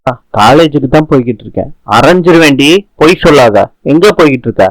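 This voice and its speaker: A man reading the lines of a scolding, protective older sister who fires sharp questions, in a dry recording. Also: mid-range voice, lively intonation, fairly quick, no echo, natural voice, low-quality recording.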